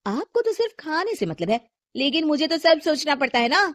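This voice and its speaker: A woman's voice: big pitch swings, brisk, no echo, studio quality. A woman voicing a rude, arrogant young housewife who scolds shrilly. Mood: snappish. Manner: shrill, scolding and sharp-tongued.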